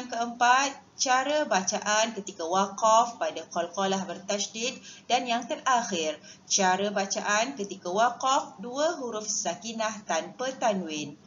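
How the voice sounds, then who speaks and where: Woman, religious studies teacher for small children. Slow and measured, dull lo-fi recording. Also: medium pitch, fairly bright tone. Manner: measured, patient teaching, slows down to recite Arabic examples. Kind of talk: recorded lesson for young pupils. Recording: dull lo-fi audio with faint noise.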